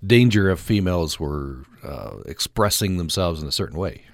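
A man hosting a casual radio interview, speaking in a halting, tentative way with hesitant phrasing. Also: sits low, animated, no room sound. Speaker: radio host. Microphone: close studio broadcast microphone.

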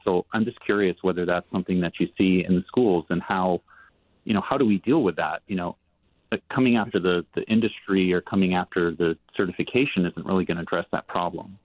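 A man calling in over the phone, his very low voice thin and tinny through the dry, narrow line. He speaks earnestly and at a measured pace, stopping often on ums and restarting his sentences as he works toward his question. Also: steady tone, no echo. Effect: heard over a phone line. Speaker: caller to a radio call-in show. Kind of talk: call-in questions.

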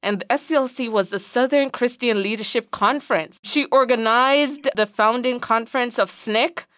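With a Jamaican accent, a woman gives a conversational educational lecture, explaining as she goes and checking in with the listener through "right?" and "you know." Her voice is fairly high and fairly bright at a normal speed, captured in clean studio sound with no room sound.

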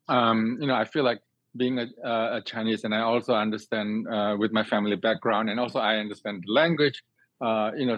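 This Singaporean man, a cook and cooking teacher appearing as a guest, has a voice on the low side with no room sound. He answers interview questions in an earnest, expansive, conversational way, often repeating and reworking phrases as he thinks. The recording is dry, a bit dull, and band-limited.

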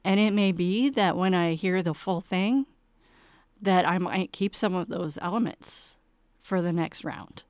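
Smooth-voiced woman playwright, candid and wry. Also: lowish voice, a little slow, darkish tone, dry recording, clean studio sound. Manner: candid, self-deprecating, laughs easily. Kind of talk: interview conversation.

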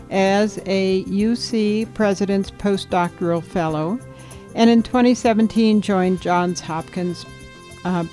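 Woman radio host doing the intro off a script, mid pitch, faint music behind. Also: dark tone. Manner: reads steadily from a script, checks pronunciations.

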